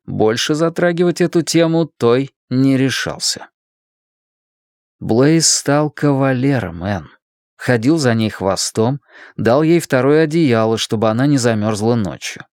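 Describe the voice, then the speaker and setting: This is scripted audiobook narration: a man reads with a measured, expressive storytelling style at a medium pitch. The recording is dry and of studio quality.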